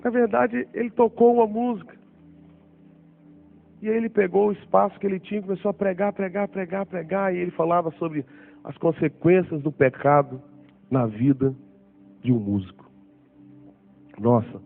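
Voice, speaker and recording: A man's voice: high-pitched, moderate pace, gravelly, long pauses, faint music behind. A man, telling his testimony in a sermon and acting out what people said. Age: 40s. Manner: animated storytelling, acting out voices. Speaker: preacher. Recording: tinny phone-like sound.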